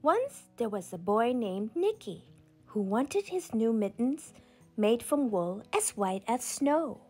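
Woman reading a storybook, very lively pitch. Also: slow, soft background music. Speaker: storyteller reading a picture book aloud. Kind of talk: expressive children's storybook read-aloud.

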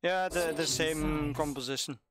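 Belgian man streaming, slow halting speech. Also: a little high. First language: Dutch. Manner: hesitant, halting English with fillers. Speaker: streamer playing a team shooter. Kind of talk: casual gaming chat with teammates. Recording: game music loud behind. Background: game music.

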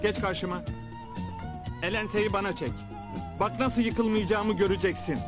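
A man's voice: sits high, a little slow, muffled recording, loud music behind the voice. A man in his forties playing an earnest, stubborn newspaper reporter in a comedy film, speaking in an emphatic, instructing way. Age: 40s.

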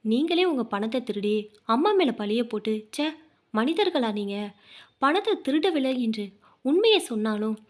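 A woman's voice: fairly high pitch, very animated, normal speed. A woman reading as an indignant reproachful daughter.

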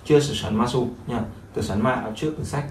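A man's voice: medium pitch, quick pace. A man, teaching a language lesson and explaining each phrase over and over with many fillers. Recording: echoey room, mic at a distance, faint noise.

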